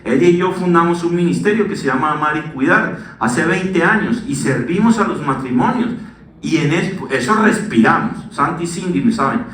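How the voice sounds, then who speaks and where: A middle-aged man preaching a sermon as pastor, animated and swinging down to a hush. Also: on the high side, normal speed, recorded from a distance. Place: church. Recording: echoey church hall, voice from the mic.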